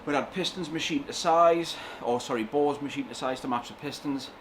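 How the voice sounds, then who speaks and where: A man's voice: a little high, a little fast, a bit bright. A man working as an engine builder, giving a casual technical explanation in a workshop. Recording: clear background noise in workshop.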